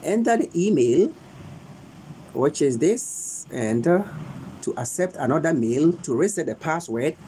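Slow, mellow Ghanaian man livestreaming. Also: a little high, animated, a little hiss or hum, poor audio. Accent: Ghanaian English. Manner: slow and repetitive, pleading with viewers to stay. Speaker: livestream host. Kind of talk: live phone screen tutorial.

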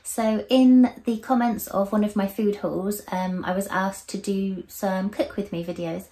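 A young woman from the United Kingdom talking casually through a cooking vlog in her home kitchen, relaxed and chatty, with filler words as she goes. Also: medium pitch, a little slow, husky. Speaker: vlogger. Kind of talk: casual cook-along vlog.

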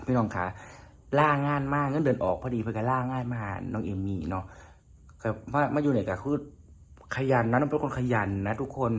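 Speaking at a medium pitch with a northeastern Thai Isan accent, a male vlogger chats casually and rambles to his viewers, often turning to talk to them like friends.

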